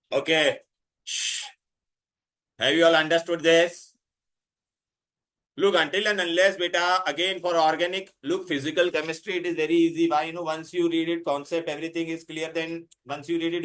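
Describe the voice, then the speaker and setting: Brisk and steady, a man with an Indian accent speaks in a fairly high, slightly bright voice while teaching chemistry. He keeps repeating himself insistently, fires questions at students, and slips Hindi words into his English.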